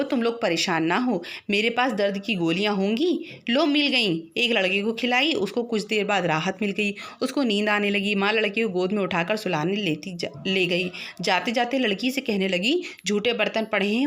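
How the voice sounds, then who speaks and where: A woman teacher reading a short story aloud to her students, raising her voice for the characters' lines. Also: a bit bright. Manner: acts out the characters' lines with raised pitch.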